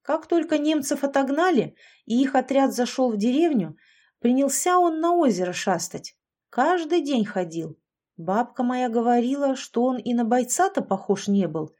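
Woman playing an old village man, bitter and weary, slow gruff audiobook voice, mellow dark tone, a bit higher than her own. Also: expressive. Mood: storytelling. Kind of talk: audiobook character voice.

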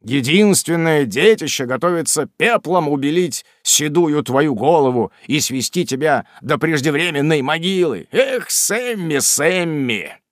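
A man voicing old Mr Weller, an elderly father who scolds and laments over his son in a loud, slow, emphatic way. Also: on the high side, animated, no echo, studio quality. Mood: lamenting.

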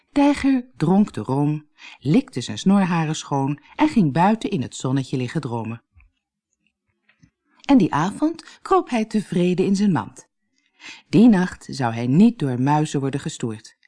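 A woman narrating a children's fairy tale audiobook in a lively, expressive way. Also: deep voice. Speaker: storyteller.

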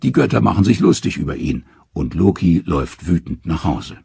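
Deep, raspy, dramatic audiobook narrator man. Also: very animated, normal speed, dark tone, dry recording. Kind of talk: scripted storybook narration.

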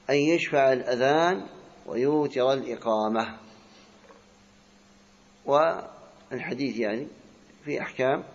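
A male religious teacher gives a lesson at a mid-range pitch. He asks his listeners questions and then answers them himself, sounding words out to show how they should and should not be said. The recording is slightly muffled and lo-fi. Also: gravelly. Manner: demonstrates right and wrong pronunciation aloud. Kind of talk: classroom lecture on a text.

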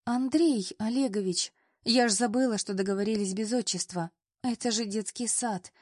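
A woman reading the part of a flustered, clumsy young female assistant in an audiobook, excitable and embarrassed. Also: on the high side, no echo, clean studio sound, close to an everyday voice. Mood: protesting. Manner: excitable, embarrassed, quick to protest.

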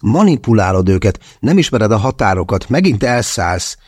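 A man's voice: lowish voice, very animated, darkish tone, breathy edge, no echo, clean studio sound. A man voicing an accusing, hissing young woman. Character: angry, worried young woman, the narrator's girlfriend. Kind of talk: audiobook character voice.

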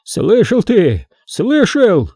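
A man's voice: high voice, big pitch swings, measured pace, dark tone, no echo, clean studio sound, pitched above the performer's own voice, exaggerated voice. A man voicing a furious, arrogant Tatar envoy man who blusters and threatens in a storybook reading.

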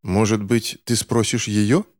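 A man's voice: sits low, lively intonation, normal speed, a little mellow, no room sound, clean studio sound. A man voicing a harsh, desperate middle-aged mother in an audiobook, pleading and spiteful by turns. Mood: tense. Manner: pleading, then cold and spiteful.

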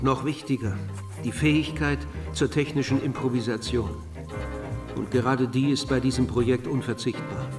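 An actor playing a courteous, paternal company director urging someone on in a German audio drama. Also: male voice, mid-range voice, far from the mic, natural voice.

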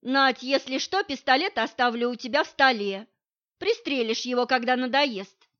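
Brash cheeky young woman, as a woman reader puts her on. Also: sits high. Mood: teasing. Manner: loud, teasing, quick-tongued. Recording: dull lo-fi recording.

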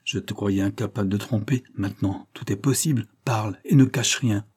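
A man's voice: lowish voice, normal speed, darkish tone, breathy edge. A man reading aloud voices a stern, furious middle-aged father who speaks in an angry, demanding way.

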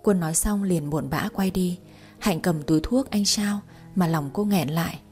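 A woman calmly narrating a romance story in an even storytelling manner. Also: on the low side, moderate pace, faint music behind.

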